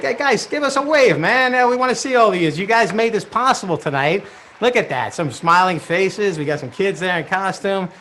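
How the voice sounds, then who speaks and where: High-voiced man, playful kids-party magician showman. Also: fairly bright tone. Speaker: magician hosting a show. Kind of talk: comic double-act stage patter.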